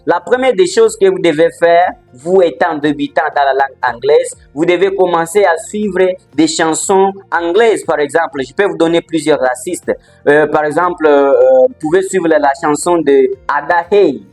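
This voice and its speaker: A man teaching an English lesson in a lively, emphatic way, repeating words for emphasis, with faint music behind. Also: fairly high pitch, moderate pace, few pauses. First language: not English. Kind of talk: motivational language lesson. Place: language training center in Likasi.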